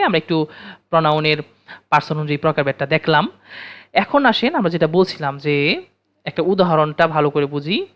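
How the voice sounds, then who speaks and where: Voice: mid-range voice, fairly bright tone. A teacher giving a recorded grammar lesson, repeating each question and then answering it himself.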